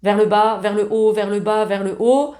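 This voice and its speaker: A woman's voice: medium pitch, steady tone, moderate pace, loud music behind the voice. A woman giving a casual ukulele lesson, talking in a chatty, familiar way while strumming along. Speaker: ukulele teacher. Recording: loud ukulele playing along.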